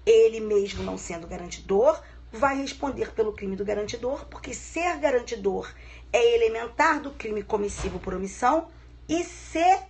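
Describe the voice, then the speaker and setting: A woman's voice: a little high, darkish tone, a little hiss or hum. A middle-aged woman law professor giving a live-streamed lecture, chatty and affectionate, telling a case as a story.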